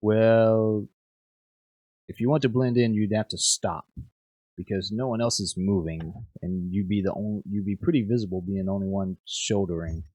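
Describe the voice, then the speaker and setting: A man running a tabletop game as game master, narrating haltingly with many restarts. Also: lowish voice, a little mellow, no echo.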